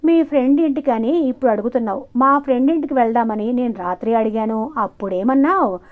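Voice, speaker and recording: A woman's voice: fairly high pitch, fast talker, natural voice. A woman voicing a teasing, sarcastic young man who is an older cousin, reading audiobook dialogue. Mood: mocking. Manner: mocking, sarcastic. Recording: muffled lo-fi recording.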